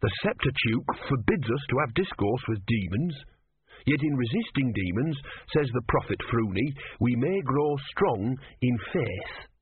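A man's voice: medium pitch, lively intonation, unhurried, breathy edge. A man voicing an earnest, naive young male novice monk who speaks anxiously and sincerely, heard over tinny phone-like audio. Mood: solemn.

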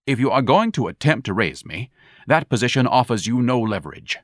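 A man's voice: mid-range voice, sing-song, a little fast, dry recording, studio quality, pitched above the performer's own voice. Man putting on a pompous, lecturing blowhard. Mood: indignant, lecturing. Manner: didactic, grandiloquent, self-important. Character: pompous, fussy, overweight grown man.

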